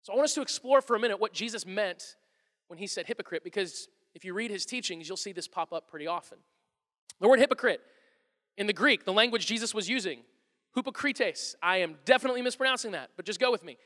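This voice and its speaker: A man preaching a sermon, reading scripture and then explaining it in an animated, joking, conversational way. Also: high voice, fast talker, big-room sound. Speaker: pastor.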